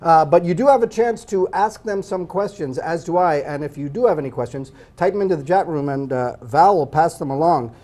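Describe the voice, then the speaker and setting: A man's voice: fairly high pitch, a little fast, hardly any pauses, dark tone. A man hosting a web game show, asking the guests questions in a hesitant way with many fillers.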